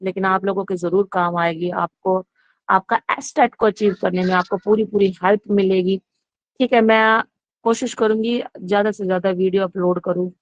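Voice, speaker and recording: A woman's voice: medium pitch, fairly even intonation, normal speed, dry recording. Hindi teacher woman, dry lo-fi lecture. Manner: repeats herself, self-correcting, asks and answers her own questions. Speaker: psychology teacher. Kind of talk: exam-prep lecture, casual Hindi-English mix. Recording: dry, dull lo-fi recording.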